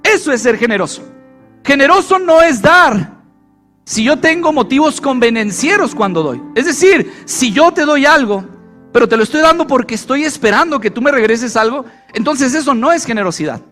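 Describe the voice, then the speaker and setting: A man's voice: very high-pitched, expressive, normal speed, fairly bright tone, faint music behind. A male pastor preaching a sermon, repeating key phrases and putting questions to the congregation. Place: church.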